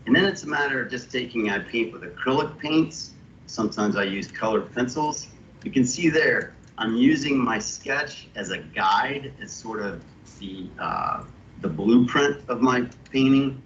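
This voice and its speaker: A man on a video call, an illustrator thoughtfully explaining his artwork with halting restarts. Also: mid-range voice, expressive, a bit bright. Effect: heard over a video call. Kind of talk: walking through his artwork. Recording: muffled video call audio with faint hiss.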